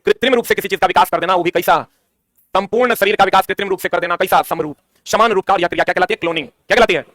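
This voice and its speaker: Rapid-fire teacher quizzing himself. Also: male voice, high-pitched, fairly bright tone, no echo. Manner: quizzing, asks and answers his own questions. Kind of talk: exam-prep science lesson.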